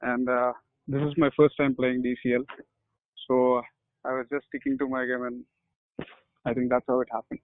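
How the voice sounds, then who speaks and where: A man's voice: mid-range voice, flat delivery, moderate pace, long pauses, dry recording. A man from Hyderabad, a guest cricket player speaking modestly over a phone call. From Hyderabad, India. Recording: tinny phone line.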